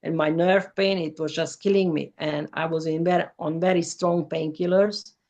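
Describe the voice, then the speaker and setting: A woman's voice: deep voice, fairly even intonation, moderate pace, darkish tone. A woman, an English speaker who talks in careful, simple sentences as an interview guest. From former Yugoslavia. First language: Hungarian. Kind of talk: personal testimony in an interview.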